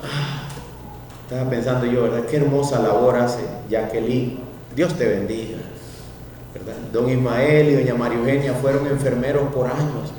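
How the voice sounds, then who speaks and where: A middle-aged man, a pastor, preaching a sermon and asking the congregation questions, at times rising to loud cries. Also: mid-range voice, fairly even intonation, normal speed. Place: church sanctuary. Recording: echoey hall from far off, faint noise.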